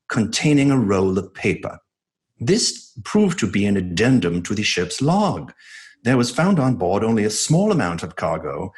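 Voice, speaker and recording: An actor playing a grave doctor who presents evidence and reads a news report with theatrical suspense in a horror radio drama. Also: male voice, fairly low pitch.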